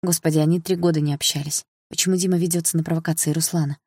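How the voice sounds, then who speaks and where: A woman narrates a first-person audiobook in a calm, reflective way. Her voice sits low, and the recording is dry and close. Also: rapid-fire, husky, no room sound.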